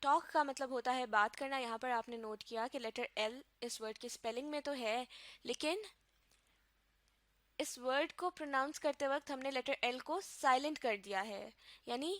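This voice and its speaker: A woman teacher from Pakistan giving a recorded lesson, explaining slowly and carefully and spelling words out letter by letter. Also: high voice, a bit bright, no room sound.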